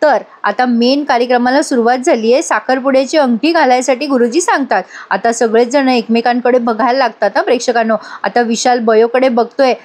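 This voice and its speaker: A woman's voice: on the high side, fairly quick, few pauses, darkish tone. A woman narrating a voice-over review of a TV serial episode. She speaks straight to her viewers and reads out each character's lines herself.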